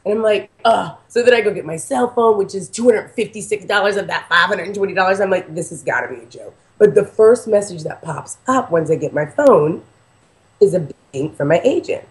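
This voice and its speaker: A woman in her forties excitedly telling a personal story to a host, emphatic and chatty, full of "like". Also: mid-range voice, a little fast. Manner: animated, emphatic, heavy use of "like".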